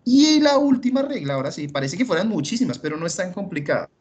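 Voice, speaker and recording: Patient, husky-voiced male teacher. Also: high-pitched, sing-song, fast. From Colombia. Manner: patient, repeats rules step by step, often asks "¿listo?". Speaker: English teacher. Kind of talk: recorded online English lesson.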